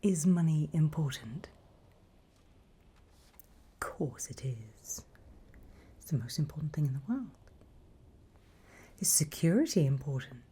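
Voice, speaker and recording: With a deep, breathy whisper that's animated and exaggerated, a British woman plays a sly, greedy demon auctioneer in an ASMR roleplay. She questions coolly and deliberately, in a greedy, probing mood.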